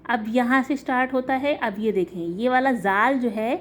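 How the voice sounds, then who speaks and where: A woman's voice: on the high side, slight background noise. Patient woman teaching letter by letter. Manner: patient, explains step by step, spells out letters slowly. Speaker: Quran reading teacher. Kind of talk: online tutorial lesson.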